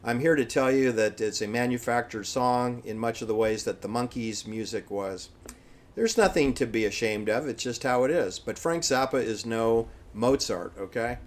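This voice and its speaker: A man's voice: mid-range voice, moderate pace. Blunt, emphatic American man talking off the cuff. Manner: emphatic, repeats phrases for stress; dismissive, blunt assertions. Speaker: solo commentator. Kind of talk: opinionated off-the-cuff monologue.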